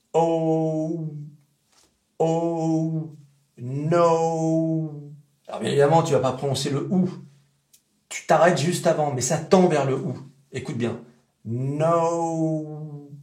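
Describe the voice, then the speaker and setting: A man's voice: on the high side, darkish tone. Echoey man teaching pronunciation. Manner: demonstrative, repeats words slowly to model sounds. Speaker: English teacher. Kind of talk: pronunciation lesson.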